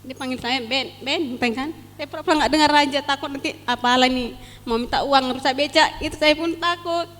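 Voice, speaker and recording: A woman's voice: high voice, a little fast, a bit bright, long reverb tail, a little hiss or hum. A woman giving a fervent, pleading church testimony, sometimes near tears. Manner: fervent, pleading, at times tearful.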